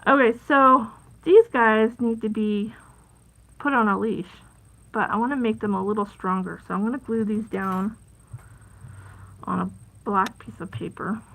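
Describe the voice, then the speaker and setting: A woman hosting a casual live crafting stream, chatty and rambling, with plenty of fillers and soft asides at her craft table. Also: fairly high pitch, fairly even intonation, a little slow, gravelly, pauses often, poor audio. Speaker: crafting livestream host.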